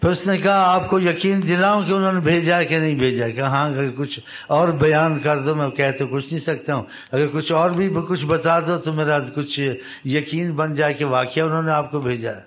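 A man preaching by storytelling, voicing the people in his tale with lifted pitch, with halting restarts and repetitions. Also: steady tone, a bit bright. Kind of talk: storytelling sermon.

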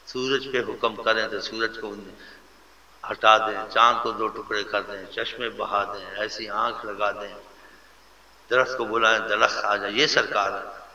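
A man preaching a sermon in an earnest way, swinging between loud and hushed delivery, with a gravelly voice. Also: on the low side, level tone. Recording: echoey hall, dull lo-fi sound.

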